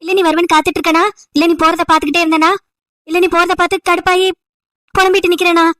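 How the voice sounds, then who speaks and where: A woman voicing an irritated, sharp-tongued young female college student in an amateur audio drama, scolding with sarcastic rhetorical questions. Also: very high voice, little pitch movement, racing, dry recording. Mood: annoyed.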